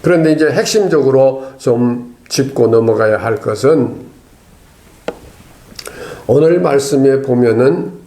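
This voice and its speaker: A man's voice: mid-range voice, warm tone, roomy sound. A man preaching a sermon as pastor, talking conversationally and tossing rhetorical questions and a questioning "eh?" at the congregation. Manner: tags lines with a questioning "eh?".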